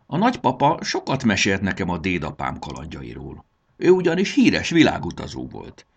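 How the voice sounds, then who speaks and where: A man's voice: sits low, huge pitch swings, vocal fry, breathy edge, heavily acted. A man reading a storybook aloud and voicing an eager young boy telling a story in an earnest manner. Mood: proud.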